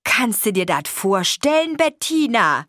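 A woman's voice: medium pitch, expressive, slow, bright, forceful tone, no echo, clean studio sound, pitched above the performer's own voice. Woman doing a proud dad. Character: proud working-class father, middle-aged man.

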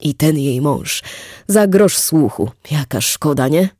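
A man's voice: fairly high pitch, lively intonation, takes it slowly, a little mellow, dry recording, studio quality. A reader voicing a chatty, boastful middle-aged neighbor man who keeps tagging questions onto his sentences in an audiobook. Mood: boisterous. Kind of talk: audiobook character voice.

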